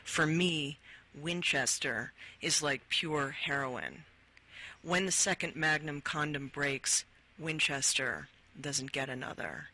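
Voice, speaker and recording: A woman author, interviewed as a guest, who reads from her own book in a slow, deliberate way. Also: deep voice, bright, forceful tone, rough recording. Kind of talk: interview and reading from her memoir.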